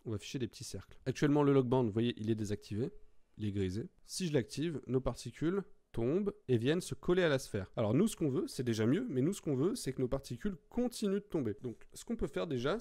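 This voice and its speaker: A man walks viewers through a software tutorial at a quick clip. His voice sits at a middle pitch, and he explains each step in a relaxed, conversational way, talking straight to his audience. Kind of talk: screen-recorded software tutorial.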